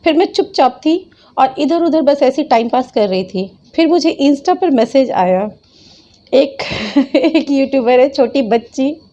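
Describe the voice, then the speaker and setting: A woman's voice: sits high, expressive, measured pace, warm tone, muffled recording. A woman vlogger in her thirties, talking in an emotional, devotional monologue that keeps repeating itself. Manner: repetitive, impassioned, devotional.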